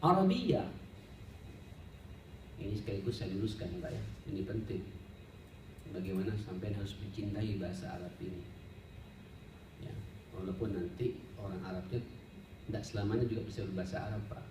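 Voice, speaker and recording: Picked up by a distant mic in a roomy space with faint background noise, an Islamic teacher delivers a study-circle sermon with Arabic recitation. His voice sits on the low side at a normal speed, broken by long pauses, and his conversational, didactic style often turns to listeners directly with rhetorical questions.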